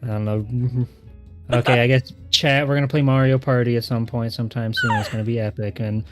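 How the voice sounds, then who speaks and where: A man's voice: medium pitch, steady tone, a little fast, music in the background. A man as a podcast guest, chatting casually in a joking, playfully teasing way. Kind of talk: casual streamed podcast chat.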